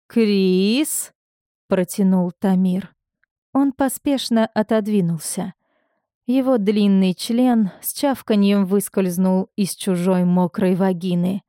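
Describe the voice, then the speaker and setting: A woman reading a first-person audiobook, expressive and acting out the dialogue. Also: medium pitch, no room sound, clean studio sound. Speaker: audiobook narrator.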